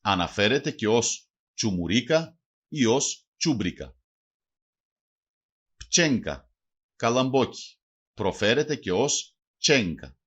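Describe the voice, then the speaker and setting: A man reads a vocabulary lesson aloud in a careful, deliberate way. His voice is somewhat husky and rises and falls in a lively way. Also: medium pitch, muffled recording. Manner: slow, careful reading of word lists. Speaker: language teacher.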